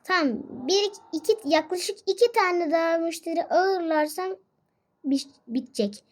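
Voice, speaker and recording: A woman's voice: extremely high pitch, measured pace. A woman giving casual, chatty commentary while playing a driving game, with frequent exclamations and laughs. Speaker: gaming video host.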